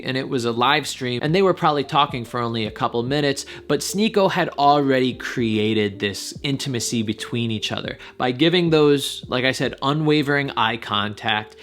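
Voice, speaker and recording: A man's voice: medium pitch, fairly bright tone. A man, a dating coach, giving candid, analytical commentary on a video he is reacting to. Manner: candid, analytical, occasionally swears.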